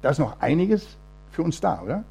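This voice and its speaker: A man's voice: a little high, very animated, brisk, gravelly, dark tone, breathy edge. A man giving a testimony sermon in church, telling his story with quoted voices acted out and reading a Bible passage aloud.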